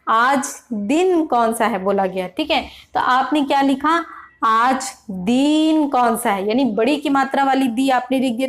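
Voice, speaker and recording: Fairly high-voiced woman teaching grammar. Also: a little hiss or hum. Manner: explanatory, repeats words slowly to stress spelling; frequent "theek hai" check-ins. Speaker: Hindi teacher. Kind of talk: online grammar lesson. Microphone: computer or phone mic, online class.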